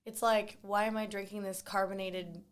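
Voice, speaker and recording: A woman's voice: medium pitch, flat delivery, normal speed. Blunt, casually swearing woman. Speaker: podcast co-host. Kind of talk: casual podcast chat.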